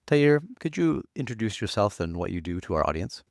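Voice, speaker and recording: A man hosting a podcast, reading a measured introduction and interviewing a guest. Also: lowish voice, very animated, vocal fry, no echo, clean studio sound. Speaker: podcast host.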